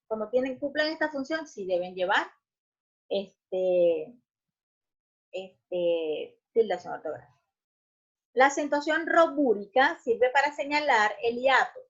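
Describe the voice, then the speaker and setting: A woman teacher explains grammar in a recorded lesson, often checking in with "¿ok?" and "¿verdad?" Her speech has frequent restarts, and she fills pauses with "este." Her voice is fairly high and bright, and the recording is muffled and lo-fi.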